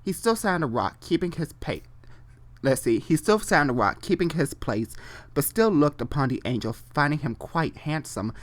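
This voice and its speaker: A reader and host gives a comedic, theatrical dramatic reading of amateur online fiction, holding nothing back. The voice is medium-pitched with lively intonation and a moderate pace, and it keeps slipping into casual asides and going back over phrases it tripped on.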